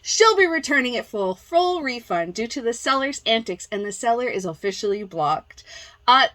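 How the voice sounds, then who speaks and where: A woman's voice: a little high, animated, normal speed, a bit bright. Sarcastic chatty woman reseller. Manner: sarcastic, chatty, exasperated asides. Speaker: online reseller and channel host. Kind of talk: casual dramatic-reading commentary.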